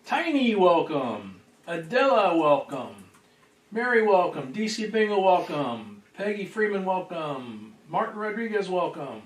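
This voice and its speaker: A man hosting a casual livestream and greeting viewers, sounding distant from the boom microphone. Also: sing-song, measured pace. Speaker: livestream host. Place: indoors at a table. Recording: roomy echo, distant microphone.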